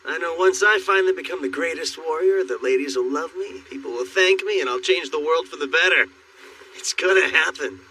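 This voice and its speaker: A man voicing a brash, boastful young male warrior in an anime English dub, loud and teasing, often shouting. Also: a little high, fairly quick, slight background noise. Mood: boisterous. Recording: distant voice under loud score.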